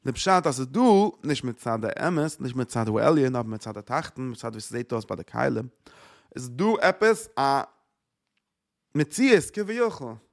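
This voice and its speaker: A man's voice: medium pitch, big pitch swings, normal speed, gravelly. A man teaching a Torah lecture, repeating phrases and asking rhetorical questions. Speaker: religious teacher.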